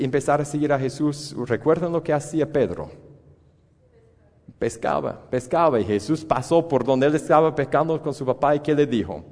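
A man's voice: medium pitch, darkish tone. A man preaching a sermon, retelling a Bible story with many restarts and repeated words and putting questions to the listeners. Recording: long hall reverb.

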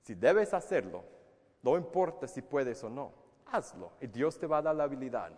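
A man's voice: mid-range voice, big pitch swings, normal speed, a little mellow, husky, long reverb tail. A man preaching a sermon to his congregation. He often repeats words and asks many rhetorical questions. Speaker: pastor. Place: church hall.

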